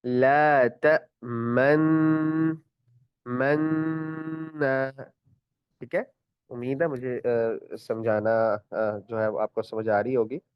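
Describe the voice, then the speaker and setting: A man teaching Quran recitation in an online class, patiently repeating each point, stretching out words as examples and clearing his throat often. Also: fairly low pitch, steady tone, unhurried, no room sound, dull audio.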